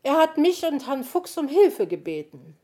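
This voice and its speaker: A woman's voice: sits high, very animated, normal speed, warm tone, voice pushed up. A woman voicing a vain, fussy female magpie who shrieks in indignation. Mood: self-important.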